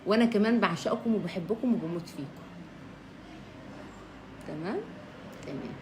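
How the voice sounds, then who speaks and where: A woman's voice: medium pitch, normal speed, very noisy. Playful Egyptian woman live streaming. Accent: Egyptian Arabic. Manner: chatty, reads viewer names, teasing and playful. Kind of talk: casual live stream chat with viewers.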